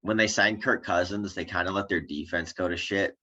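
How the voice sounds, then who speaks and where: Deep-voiced young man, dull lo-fi sound. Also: steady tone, fairly quick, pushed and bright. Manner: hesitant, many "I think" and "I mean" restarts. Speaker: podcast co-host. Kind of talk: casual sports chat.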